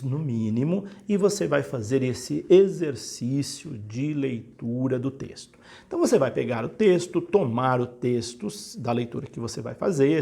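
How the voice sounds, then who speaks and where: Man, priest, gravelly voice, calm didactic instruction, mid pitch. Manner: calm, didactic, addresses the listener directly with step-by-step advice. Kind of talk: spoken instruction.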